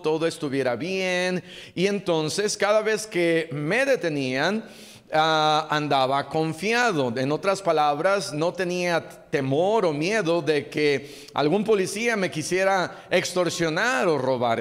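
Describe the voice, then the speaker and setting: A man's voice: a little high, big-room sound. A man preaching a sermon as a pastor, earnest and exhorting, repeating his key phrases. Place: church hall.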